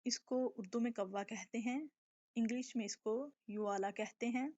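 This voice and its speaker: A woman tajweed teacher gives a live online recitation lesson, patiently explaining, drawing out letter sounds slowly, and repeatedly asking the same question to check her students follow. Her voice is on the high side, steady, and darkish, heard through dull lo-fi stream audio.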